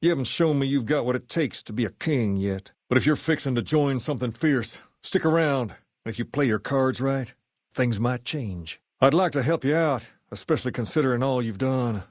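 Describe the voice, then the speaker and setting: A male actor voices a charismatic gang boss styled on a rock-and-roll idol. He has a Southern US drawl at a middling pitch and talks in a folksy, measured, self-assured way. It is game dialogue with a dry, close sound. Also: lively intonation, dry recording, close to an everyday voice. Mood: relaxed, folksy. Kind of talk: video game character dialogue.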